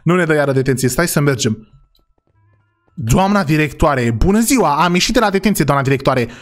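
Excitable man playing a role-play game dad. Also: a little high, faint music behind. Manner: excitable, keeps saying "God forgive me". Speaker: gamer playing a father.

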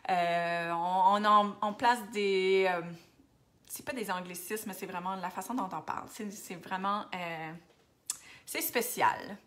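A woman's voice: mid-range voice, takes it slowly, fairly bright tone. A woman from New Brunswick with an Acadian French accent, chatting casually on a live stream as she answers viewers' comments and slips into English now and then. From New Brunswick, Canada. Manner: chatty, switches to English, drops to near-whispers now and then. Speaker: makeup seller hosting a Facebook live.

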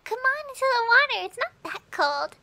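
An ASMR roleplay performer voices a flustered, teasing young tsundere girlfriend, bratty but affectionate, in an intimate girlfriend roleplay. Her high-pitched full character voice is very animated, playful, pouty and teasing, often dropping to breathy murmurs, at normal speed. The sound is pushed and bright with no room sound.

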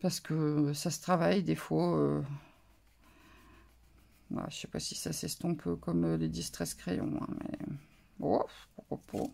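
A woman's voice: low-pitched, fairly even intonation, takes it slowly, creaky, pauses often, warm tone. A woman vlogger casually showing off a craft haul, talking in a hesitant, musing way with many fillers. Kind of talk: casual show-and-tell haul.

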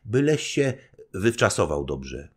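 A bold, lively young noblewoman speaking with doting eagerness, as a man reading an audiobook puts her on. Her voice sits well above a man's natural register, bright and girlish. The delivery is animated and full of affection. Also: deep voice, takes it slowly, slightly rough, pitched above the performer's own voice, heavily acted. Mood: coy.

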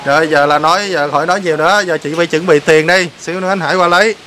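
A man's voice: on the high side, fairly even intonation, rapid-fire, bright, forceful tone. Teasing man host, noisy hiss. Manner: prodding, repeats questions. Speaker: vlog host. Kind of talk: teasing casual chat on camera.

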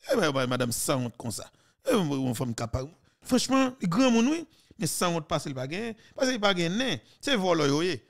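Brief: Haitian male podcast commentator, 30s, fiery and mocking, mid pitch, close studio mic. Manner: heated, mocking, with sudden loud outbursts. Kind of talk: political commentary. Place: small studio. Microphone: studio mic with headphones.

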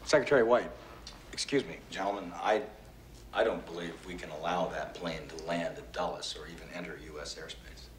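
An actor playing a middle-aged American intelligence analyst, briefing superiors gravely, deliberately and with firm deference. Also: male voice, sits low, slight background noise, natural voice. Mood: earnest, firm. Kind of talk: film drama acting. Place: conference room.

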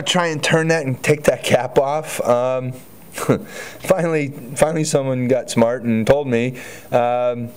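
Recorded by a camera mic on a tripod at a distance, this roomy clip from a large indoor spa showroom has slight background noise. A man in his forties, owner of a hot tub store, speaks at medium pitch. He's giving a casual, upbeat how-to demo, chatting as he moves around and gestures.

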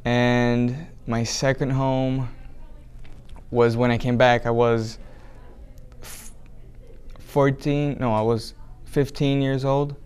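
Young Brazilian-accented man, hesitant documentary interviewee, smooth clear voice, mid pitch. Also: level tone, takes it slowly, pauses often, darkish tone. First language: Portuguese. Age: young adult. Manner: hesitant, many restarts and fillers. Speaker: documentary subject. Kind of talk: interview answers. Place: small indoor room with flag backdrop.

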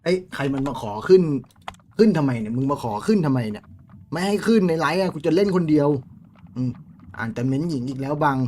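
A young man streaming a game live, chatting with viewers in a crude, swearing, excitable way. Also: fairly high pitch, fast, a little hiss or hum.

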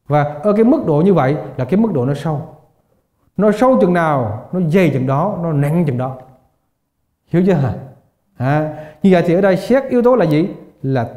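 A man's voice: fairly high pitch, mellow. Older male Buddhist teacher, echoey lecture. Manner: asks the class rhetorical questions and laughs while telling stories. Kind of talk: dharma lecture. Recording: echoey, dull lo-fi hall recording.

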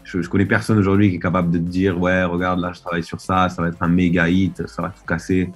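A man tells his story over a video call, his voice low and husky. He rambles, filling gaps with hesitations and restarting his sentences. Faint music plays quietly behind him. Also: flat delivery, fast. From Marseille, France. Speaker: DJ and producer guest. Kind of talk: casual interview storytelling. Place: dim room at home. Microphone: video call webcam.

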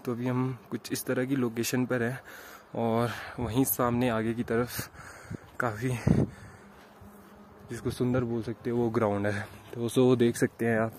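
A man's voice: mid-range voice, flat delivery, measured pace, noisy background. A young man hosting a casual travel vlog, talking to viewers while walking outdoors on a forested mountain trail, tired from the climb. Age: young adult. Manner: chatty, showing viewers around on foot. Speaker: vlogger. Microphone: handheld camera at arm's length.

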